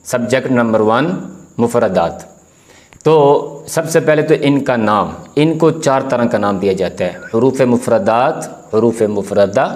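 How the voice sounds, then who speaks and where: A man teaching beginners to read the Quran, calmly explaining how each letter is said and drawing out the sounds to demonstrate them. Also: mid-range voice. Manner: firm when correcting common mistakes. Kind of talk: recorded beginner lesson, explaining letter pronunciation.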